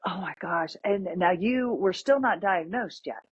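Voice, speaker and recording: A woman in her fifties hosting an interview, reacting with sympathy and asking quick follow-up questions. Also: lowish voice, expressive, breathy edge. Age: 50s. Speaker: host. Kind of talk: conversational interview. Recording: dry, dull lo-fi audio.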